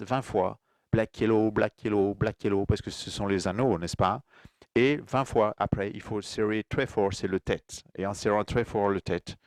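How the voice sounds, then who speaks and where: A man's voice: fairly low pitch, no room sound, close to an everyday voice. A man voicing an Englishman in Africa who speaks chirpy broken French and mixes up word genders. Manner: mangles French genders, prim and chipper.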